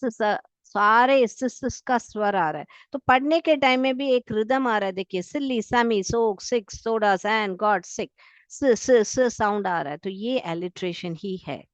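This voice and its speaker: A woman's voice: fairly high pitch, no echo, dull audio. Indian woman teaching English alliteration. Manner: reads example sentences slowly, sounding out each letter; addresses students as beta, asks and answers her own questions. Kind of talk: classroom lesson explaining alliteration.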